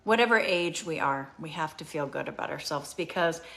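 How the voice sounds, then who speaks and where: A woman in her fifties hosting a casual beauty product demonstration, chatty and often pausing on "um". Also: deep voice, animated, creaky, a bit bright. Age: 50s. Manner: chatty, with frequent ums. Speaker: beauty show host.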